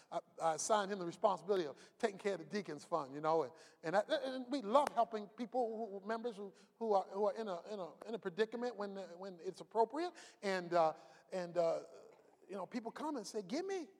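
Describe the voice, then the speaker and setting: A man preaching a sermon as pastor, swinging from shouted climaxes to quiet storytelling asides. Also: sits high, quick pace. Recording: long reverb of a large hall.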